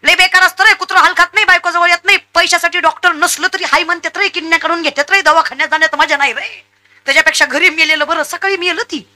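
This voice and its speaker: A woman's voice: extremely high pitch, steady tone, fast talker, pushed and bright. A woman preaching a comic devotional sermon, scolding the crowd and mimicking villagers. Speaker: kirtan preacher.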